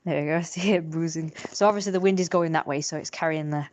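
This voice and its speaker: A woman streams herself drawing and chats casually, rambling and being critical of herself. Her voice sits low with a darkish tone, and she talks fast.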